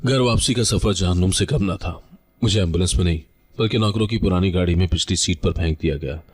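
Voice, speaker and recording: A man reading a dramatic first-person story in a steady, scripted narration. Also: sits low, a little fast, breathy edge.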